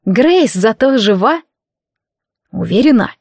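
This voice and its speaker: A woman voicing a quick-tempered young heroine in an audiobook, with indignant, emphatic lines. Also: on the high side, expressive, darkish tone, breathy edge, no room sound, heavily acted. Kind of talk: audiobook character reading.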